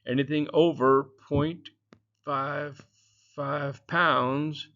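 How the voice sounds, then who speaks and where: A man's voice: fairly high pitch, steady tone, extremely slow, a bit bright, dull audio. A man teaching an exam-prep lecture in a loose, chatty way, full of fillers and asides. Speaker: drone exam instructor.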